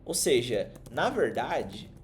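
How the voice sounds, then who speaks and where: A man with a Brazilian Portuguese accent, teaching English online. He explains in Portuguese and slowly repeats English phrases to show how they sound. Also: mid-range voice, sing-song, slight background noise.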